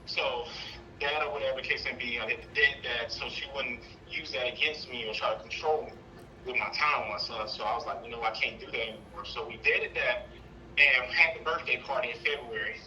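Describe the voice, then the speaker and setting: The lo-fi recording, with slight background noise, captures an American man calling in about seeking custody of his child. He speaks a little fast in a pushed, bright, medium-pitched voice, rambling casually through his story and saying "you know" frequently.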